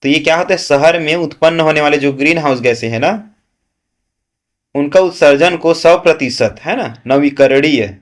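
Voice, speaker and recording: A man teaching a current affairs lesson for exam students, asking questions and answering them himself, with frequent "है ना" checks. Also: a little high.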